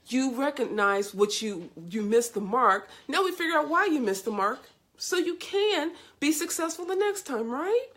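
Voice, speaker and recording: A woman with a slightly high, somewhat bright voice hosts a casual live video show, upbeat and effusive as she greets viewers by name. A cold leaves her voice congested and scratchy.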